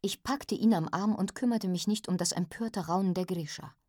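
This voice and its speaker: A woman narrating a novel in the first person, measured and steady. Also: lowish voice, dry recording, clean studio sound. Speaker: audiobook narrator.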